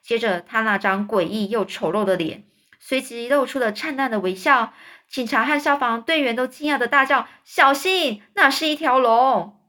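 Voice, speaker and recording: A woman's voice: a little high, moderate pace, bright, forceful tone. A woman reading a children's book aloud and stopping to explain hard words. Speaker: storyteller for children.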